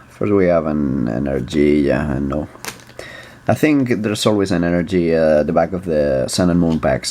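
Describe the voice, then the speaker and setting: A man with a Spanish accent hosts a casual, rambling vlog, his voice pitched low. He hesitates often, fills pauses with ums and uhs, restarts his sentences, and swears offhandedly. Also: darkish tone, a little hiss or hum. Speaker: video host.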